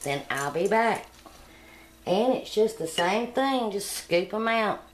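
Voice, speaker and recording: In her kitchen, a middle-aged woman narrates a relaxed cooking demonstration for her home cooking channel, explaining the recipe plainly and step by step in a homey way. Her medium-pitched voice has lively intonation and she takes it slowly. There is a little hiss or hum in the recording.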